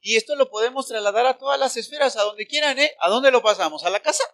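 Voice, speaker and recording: A Mexican man preaches a sermon in a ringing, forceful voice. His pitch sits high for a man, and he keeps asking the congregation for agreement. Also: fast talker. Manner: animated preaching with rhetorical questions to the congregation. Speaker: pastor.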